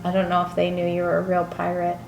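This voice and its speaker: A woman chatting casually on a family vlog, gentle and reassuring in how she talks. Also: lowish voice, monotone, quick pace, gravelly, noisy background. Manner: gentle, reassuring talk with a child. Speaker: vlogger, mother.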